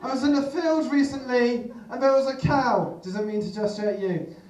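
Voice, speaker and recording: A man performing live stand-up comedy, delivering deadpan one-liners and leading the audience in call-and-response. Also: very high-pitched, moderate pace. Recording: roomy live room, far from mic, crowd noise.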